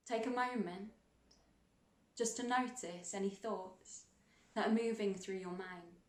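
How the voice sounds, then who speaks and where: In a room with noticeable echo, a woman at medium pitch leads a calm, gentle guided meditation. She takes her time, letting long pauses sit between each instruction.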